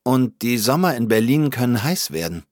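Male narrator, calm wry storyteller, dry close-miked read, mid-range voice. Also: mid-range voice, normal speed, dry recording. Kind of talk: scripted first-person story reading.

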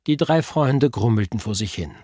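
A man narrating a children's audiobook, with expressive storytelling. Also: mid-range voice, moderate pace, dry recording, clean studio sound.

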